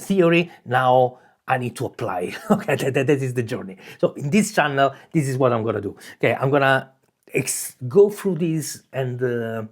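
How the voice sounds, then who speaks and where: With a medium-pitched voice and an Italian accent, a man from Italy hosts his own channel in a casual explanatory monologue. He talks ideas through loosely, often restarting phrases and checking in with "okay?".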